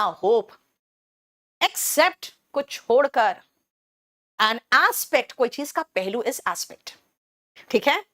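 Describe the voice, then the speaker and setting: A woman as a brisk, motherly teacher, fairly high voice, dry close sound, live online class. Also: fairly bright tone, no room sound. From Bihar, India. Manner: brisk and motherly, calls students 'beta' and answers chat questions; explains English words in Hindi, switching between the two. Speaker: English teacher.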